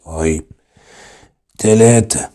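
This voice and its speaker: A man's voice: on the low side, slow, mellow. A man with an Egyptian Arabic accent teaching English grammar online, explaining step by step and asking and answering his own questions.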